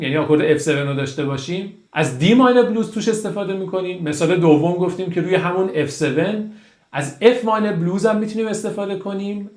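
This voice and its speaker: High-voiced man teaching jazz theory. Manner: enthusiastic, sings phrases to demonstrate. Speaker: music teacher. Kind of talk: casual jazz theory lesson. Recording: echoey room with guitar music.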